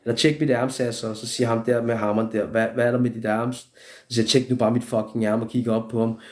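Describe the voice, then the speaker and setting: A young man tells a story on a casual live stream. He rambles, swears freely and restarts his sentences again and again. His voice sits at an ordinary middle pitch for a man. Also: flat delivery. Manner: rambling, profane, with many restarts.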